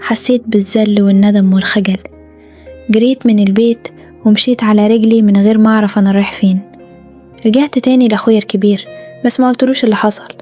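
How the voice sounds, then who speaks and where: A woman's voice: medium pitch, fairly even intonation, fast, warm tone. A woman with an Egyptian Arabic accent narrating a scripted first-person confession story, earnest, sometimes dropping to a whisper. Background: faint background music.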